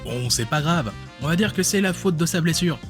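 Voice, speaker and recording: A man's voice: fairly high pitch, lively intonation, normal speed, faint music behind. A man doing comedic commentary on a video, sarcastic, with joking asides. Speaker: YouTuber.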